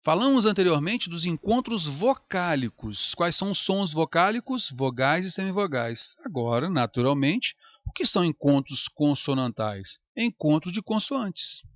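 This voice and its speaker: Lively teacher drawing out words. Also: male voice, a little high, dry recording. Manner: lively, stretches out example words slowly. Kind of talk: recorded grammar lecture.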